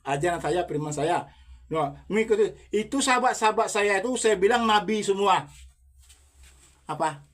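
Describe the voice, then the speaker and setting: A man's voice: sits high, fairly bright tone. A man preaching as a self-styled religious teacher in a monologue, insistent and repetitive, firing rhetorical questions at the listener.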